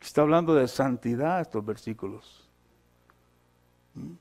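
A man, the pastor, preaching a sermon, who keeps checking in with short questions and swings between loud, emphatic lines and quiet asides. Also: mid-range voice, animated, measured pace, creaky. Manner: repeats scripture references for the congregation.

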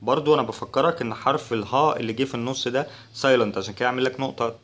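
A man with an Egyptian Arabic accent who teaches a language lesson, spelling out sounds slowly and repeating them patiently. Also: mid-range voice, a bit bright, a little hiss or hum.

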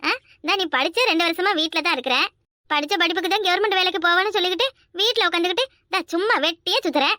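A woman's voice: extremely high pitch, rapid-fire, bright, forceful tone, dry recording, studio quality. A woman voicing a scolding, complaining older sister and housewife in a cartoon, with a Kanyakumari Tamil accent.

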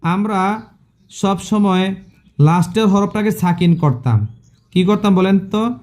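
A man leads a live online Quran lesson in a fairly high voice. He speaks slowly and repeats each rule, and he stops often to quiz his students. It sounds like a patient classroom drill. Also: a little mellow. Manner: slow, repetitive drilling with questions to students. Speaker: Quran recitation teacher.

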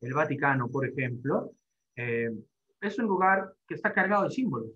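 A man's voice: on the high side, expressive, moderate pace, sharp tone, roomy sound. A man teaches his class in a slightly raised voice, circling back over each point and checking in with rhetorical tags. The room rings around him, and the recording sounds dull and lo-fi. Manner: repetitive, rhetorical "¿no?" tags, many fillers. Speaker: literature teacher. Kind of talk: classroom lecture.

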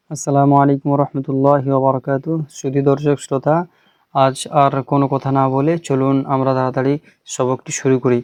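A man teaching Quran reading, spelling out Arabic letters and vowel marks slowly one by one, then explaining the rules quickly. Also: medium pitch, darkish tone, clear, resonant tone, no echo.

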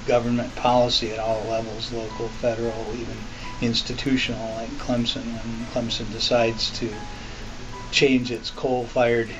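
An older man answering interview questions in an office, speaking in a measured, halting way with pauses. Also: mid-range voice, completely flat delivery. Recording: distant, muffled, music behind.

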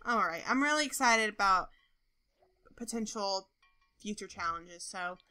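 A young woman giving casual commentary over her gameplay, chatting to viewers and talking to the game characters, with excitable outbursts. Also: medium pitch, normal speed, clean tone, soft background music. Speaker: gaming video host.

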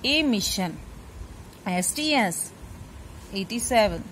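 A woman teacher reading a textbook chapter aloud to a class, steady and careful, now and then correcting a slipped word. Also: mid-range voice, slow, a little hiss or hum, rough recording.

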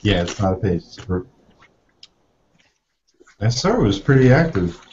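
A man in his early fifties speaks in an easy, laid-back way. His voice sounds mellow and warm. It comes through a dull, lo-fi call with faint background noise. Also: fairly low pitch, sing-song, moderate pace. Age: 50s. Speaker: guest artist. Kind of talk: casual chat on a video call.

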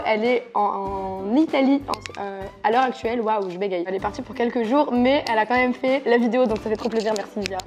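A woman's voice: fairly high pitch, a little mellow. A young woman from France chatting to camera at home, bubbly and self-mocking. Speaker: vlogger. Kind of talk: casual chat to camera. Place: at home, indoors.

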